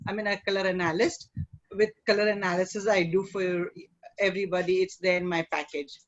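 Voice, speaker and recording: A middle-aged woman with an Indian accent speaks conversationally as an interview guest, in a halting way peppered with "you know". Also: on the low side, flat delivery. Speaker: guest, image consultant. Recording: dull lo-fi online call audio.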